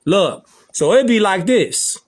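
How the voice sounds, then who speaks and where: A man's voice: high-pitched, lively intonation, slow, a little hiss or hum. A man giving preachy commentary in casual slang, emphatic and repetitive.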